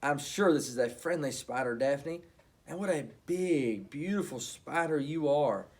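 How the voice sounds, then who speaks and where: A man reading aloud from a storybook, voicing a curious, brave young girl who speaks eagerly and excitedly. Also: on the high side, moderate pace.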